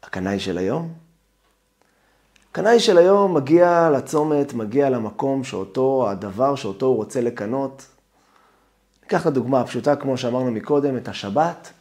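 A man, a rabbi, giving a sermon on the weekly Torah portion. He tells stories dramatically and acts out the quotes. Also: mid-range voice. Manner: animated, dramatic storytelling with acted quotes.

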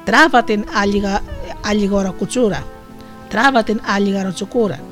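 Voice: mid-range voice, fairly bright tone, soft background music, lightly acted. A storyteller voicing a sly, cunning female fox, wheedling and moaning theatrically, in an Asia Minor Greek dialect. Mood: crafty.

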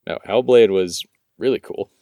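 A man's voice: on the low side, normal speed, dark tone, no echo, clean studio sound. A young man co-hosting a gaming podcast in casual banter, swearing and joking as he goes. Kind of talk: casual banter and game chat.

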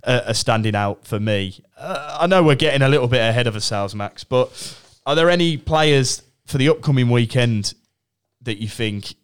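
A man's voice: mid-range voice, lively intonation, normal speed, smooth. A man hosting a casual podcast, eager and upbeat, often repeating words as he starts a thought. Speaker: podcast host. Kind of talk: casual fantasy football chat.

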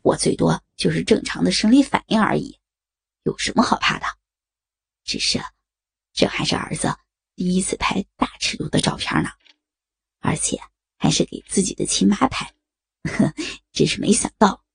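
A woman voicing a flustered, teasing young adult son in a hushed, breathy, lowered voice. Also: moderate pace, pauses often, no room sound, exaggerated voice.

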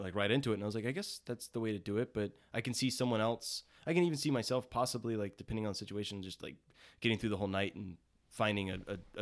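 A man co-hosting a casual chat, animated and laughing often as he retells scenes. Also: lowish voice. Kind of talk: casual chat about a dating show.

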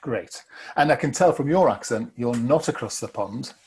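A man's voice: medium pitch, lively intonation, moderate pace. A man hosting a podcast, introducing the show and chatting casually as an interviewer.

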